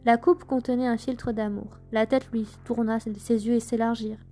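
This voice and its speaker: A woman narrating traditional folk tales in a measured, gentle storytelling manner. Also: fairly high pitch, flat delivery, soft background music. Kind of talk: scripted folk tale narration.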